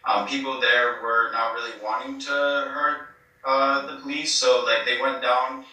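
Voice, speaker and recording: A man giving a hesitant eyewitness account, full of fillers and restarts, heard through low-quality streamed clip audio. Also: little pitch movement, a little slow, pushed and bright, very echoey, distant mic. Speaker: eyewitness being interviewed. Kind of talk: casual spoken account.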